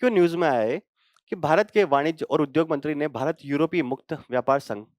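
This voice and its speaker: Man, current affairs teacher, exam-prep lesson, rhetorical questions, slightly high-pitched, dry close sound. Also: fast talker, no room sound. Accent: Hindi. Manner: explains with rhetorical questions and frequent "thik hai" check-ins.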